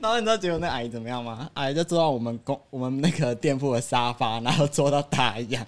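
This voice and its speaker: A man's voice: mid-range voice, quick pace. A young man with a Taiwanese Mandarin accent, teasing and telling a story in casual chat. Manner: playful, teasing.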